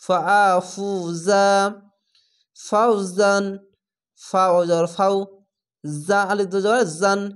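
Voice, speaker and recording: A man teaching Quran reading, spelling out Arabic words slowly syllable by syllable. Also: sits high, clear, resonant tone. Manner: slow, drawn-out syllable-by-syllable spelling and chanting. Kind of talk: spelling-out Quran recitation lesson.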